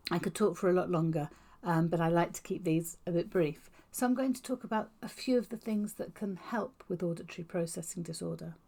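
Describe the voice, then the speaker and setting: A woman explaining to camera in an informal lesson, talking fast with clear, exaggerated mouth movements. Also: on the low side, mellow. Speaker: educator on auditory processing. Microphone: talking to camera on video.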